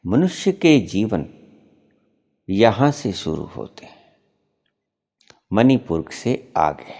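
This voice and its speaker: A man giving a spiritual discourse as a teacher, explaining slowly and deliberately and repeating his key points for emphasis. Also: lowish voice, very animated, vocal fry, darkish tone. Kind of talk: spiritual discourse answering a question.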